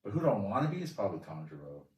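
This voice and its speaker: A man's voice: fairly low pitch, very animated, rapid-fire. A man, a comedian guest, chatting casually and rambling with crude jokey asides. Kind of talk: casual interview chat. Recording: roomy echo, distant mic.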